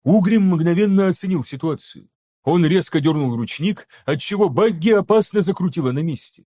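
Guy narrating an audiobook, mellow dark tone, slightly high voice, steady even reading. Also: normal speed. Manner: steady, even storytelling that voices each character. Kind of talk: scripted narration.

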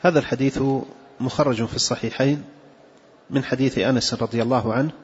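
A man teaching a religious lesson as a sheikh, explaining slowly and carefully, with a husky voice. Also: medium pitch, steady tone, slight background noise. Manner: measured, drawn-out scholarly explanation. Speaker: sheikh teaching Islamic creed. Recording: dull lo-fi recording in a reverberant hall.

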